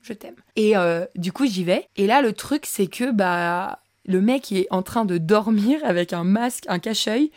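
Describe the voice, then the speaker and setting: A young woman at a middle pitch hosts her own podcast, recorded close and dry with no room sound. She tells a personal story in casual slang and keeps slipping into quick acted bits of dialogue. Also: dry recording. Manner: animated, slangy, acts out dialogue in quick bursts. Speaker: podcast host.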